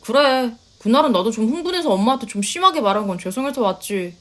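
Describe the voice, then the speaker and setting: A woman's voice: animated, fast talker, a bit bright. A woman doing a blunt young husband. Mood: casual. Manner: blunt, matter-of-fact, lowered voice. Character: young adult Korean husband, blunt and self-assured. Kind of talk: storytelling voice acting.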